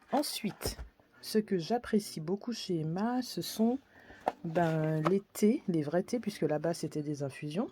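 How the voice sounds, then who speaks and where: A woman's voice: lowish voice, background noise. A woman chatting casually through a shopping haul video, hesitant with many fillers, apologising for her English pronunciation. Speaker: vlogger.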